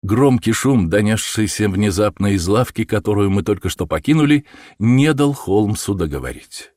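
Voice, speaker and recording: Male narrator, expressive storytelling, lively intonation, low voice, dry close recording. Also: normal speed, no room sound. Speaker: audiobook reader. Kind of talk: scripted narration.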